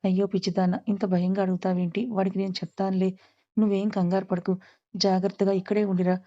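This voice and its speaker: A woman's voice: medium pitch, level tone, quick pace, dark tone, muffled recording, lightly acted. A woman voicing a kind, motherly mother-in-law who speaks in a soothing, reassuring way.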